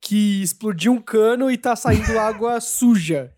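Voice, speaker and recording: A man's voice: high voice, a little slow, darkish tone. A man in casual chat, reacting to a friend's story with amused, brief interjections. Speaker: podcast co-host.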